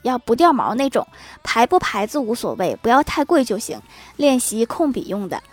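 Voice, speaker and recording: A woman reading out a string of funny anecdotes, adding dry quips and chuckles after the punchlines. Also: on the high side.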